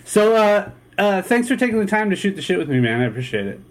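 A man's voice: high voice, very animated, fast talker. A man from San Diego hosting a casual interview, laid-back and rambling, swearing casually. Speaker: podcast host.

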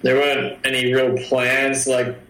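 A young Australian man being interviewed, easygoing and hesitant, filling pauses with lots of ums. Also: medium pitch, monotone, fairly bright tone. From Sydney, Australia. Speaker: guest artist. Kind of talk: casual interview chat. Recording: echoey room.

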